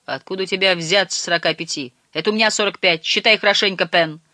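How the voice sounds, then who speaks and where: A reader voicing a short, stout, hot-tempered old fisherman who quarrels and shouts in an audiobook. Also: medium pitch, quick pace, dry recording, clean studio sound, close to an everyday voice. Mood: cranky.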